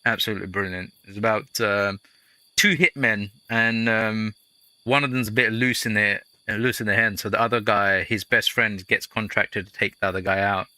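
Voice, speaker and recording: A guy rambling through gameplay commentary, a jokey storyteller with a low voice. His tone is very bright and cutting. The sound is close and dry, with no room around it. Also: steady tone, moderate pace, no room sound. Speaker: let's play host.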